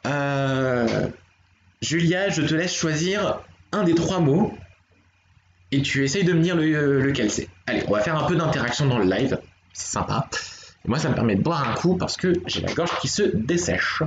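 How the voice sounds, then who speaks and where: A man's voice: fairly high pitch, lively intonation, normal speed, slight background noise. A man teaching Korean letters on a live stream, explaining step by step and talking to his viewers. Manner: patient, explanatory, talks to chat viewers. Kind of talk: live-streamed language lesson. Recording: dull, roomy home stream audio.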